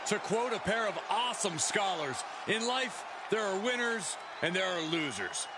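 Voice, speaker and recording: A man working as an excited, dramatic pro wrestling commentator in a video game. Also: high voice, normal speed, very noisy.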